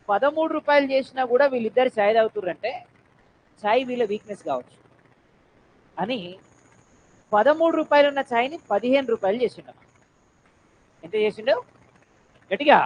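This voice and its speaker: A woman with a Telangana Telugu accent giving a classroom lecture on economics, quizzing her students and urging them to answer loudly, with English terms mixed into her speech. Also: fairly high pitch, slight background noise, rough recording. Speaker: economics teacher.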